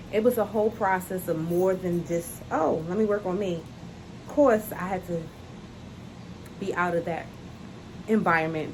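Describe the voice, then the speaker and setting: A woman with a lowish voice delivers a sincere motivational message to camera as a self-love coach, standing outside in the heat. Encouraging and heartfelt, she keeps returning to her key phrases while noise fills the background.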